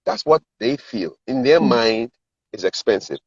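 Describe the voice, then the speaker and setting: Speaking at normal speed in an animated, medium-pitched voice with a breathy edge, a middle-aged Ghanaian-accented man gives communications and sales coaching in a relaxed interview. He explains, acts out example conversations and repeats words for emphasis, while the recording is echoey, dull and lo-fi.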